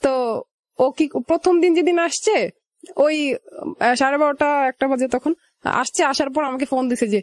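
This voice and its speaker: At a normal speed with frequent pauses, a young Bangladeshi-accented woman narrates her own life in a radio studio interview, her high voice recorded dry. She keeps it conversational, quoting past dialogue as she tells the story.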